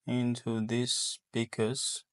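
A man talking through a hands-on laundry test at a lab bench, unscripted, with many pauses, fillers and restarts. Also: medium pitch, completely flat delivery. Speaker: product demonstrator.

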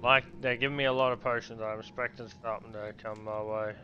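A man streaming a game in casual commentary, reading in-game notes aloud haltingly and reacting with swearing. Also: fairly low pitch, little pitch movement, muffled recording, over music. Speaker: gaming streamer.

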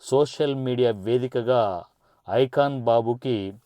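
In a slow, mid-range voice, a political party supporter directs an angry, taunting rant with threats right at his target. The recording has no echo, though the highs are cut off.

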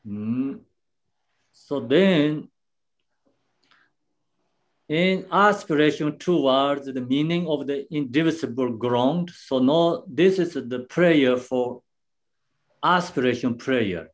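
Slow, halting male Buddhist teacher. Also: mid-range voice. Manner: halting, unhurried explaining with many pauses and restarts; simple non-native English phrasing. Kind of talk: dharma teaching.

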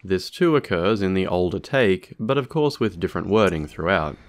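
Deep-voiced male narrator. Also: expressive, normal speed. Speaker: video narrator. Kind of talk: scripted explanatory narration.

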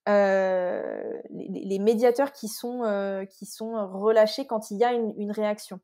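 Woman guest from Scotland, warm and mellow tone, explanatory, restarts often. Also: medium pitch, fairly even intonation, measured pace. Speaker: nutritherapist guest. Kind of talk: casual interview chat.

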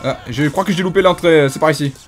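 Talking fast in a slightly high voice pushed downward, though still natural, a gaming YouTuber plays a pompous police inspector who bumbles along. The French accent, hesitant fillers and mock-solemn tone make it comedic in-character game commentary.

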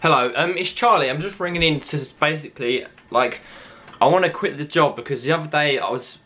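A young man with a slightly high, brisk voice and a sharp edge chats casually, hesitant and rambling, full of slang. He's a young adult, a prank caller and video host, improvising in a small room at home.

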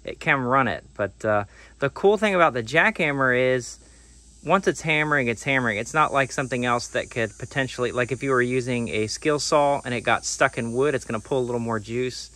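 Brisk, bright and forceful, a mid-range male voice belongs to a DIY channel host in his forties. He casually narrates a hands-on tool test, restarting as he thinks aloud, filmed close on a phone outdoors on gravel and in a workshop.

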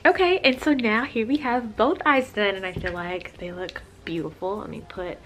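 A woman's voice: mid-range voice, moderate pace, a little hiss or hum. A young woman, vlogging at home and chatting upbeat and casually to the camera, calling her viewers y'all. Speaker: lifestyle vlogger. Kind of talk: casual vlog talk to camera. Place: bright home living room.

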